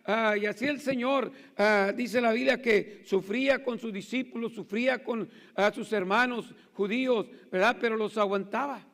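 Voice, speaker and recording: A man's voice: high voice, normal speed, few pauses, a bit bright. A male pastor preaching a sermon, full of rhetorical asides and repeated phrases. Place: church hall. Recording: reverberant church hall.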